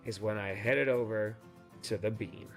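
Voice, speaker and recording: A man's voice: on the low side, steady tone, moderate pace. A man narrating his travel vlog in a casual, joking, self-deprecating way. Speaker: vlogger recapping a fundraising tour. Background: background music.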